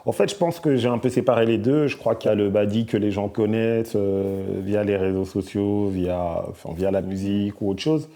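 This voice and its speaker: A middle-aged man from Belgium speaks in a low, very dark and mellow voice. He answers questions softly and hesitantly, with frequent fillers and restarts. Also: fairly even intonation, moderate pace, few pauses. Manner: soft-spoken, hesitant with many fillers. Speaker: musician guest. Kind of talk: casual interview answers.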